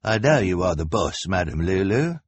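A man's voice: low voice, very animated, normal speed, breathy edge, dry recording, exaggerated voice. A man voicing a sleepy, weary carnival worker who sounds tired and resigned.

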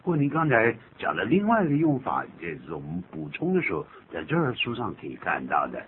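A man's voice: fairly low pitch, wildly swooping pitch, fairly quick, a little hiss or hum. A man hosting a bilingual radio English lesson, explaining phrases and prompting his partner to repeat them. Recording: narrow lo-fi radio broadcast sound.

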